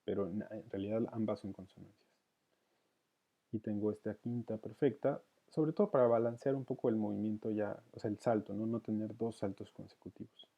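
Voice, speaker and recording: A music teacher with a fairly low, creaky voice works aloud through a counterpoint lesson at normal speed. He hesitates, restarts, and leans on many fillers, and the recording has a dull lo-fi sound.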